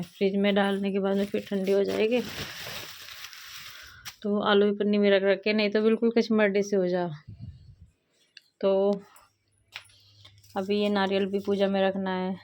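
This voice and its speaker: A woman's voice: medium pitch, level tone, normal speed, pauses often, darkish tone. A young woman with an Uttar Pradesh Hindi accent, chatting to viewers in a casual vlog as she explains each household chore while she works. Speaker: family vlogger and homemaker.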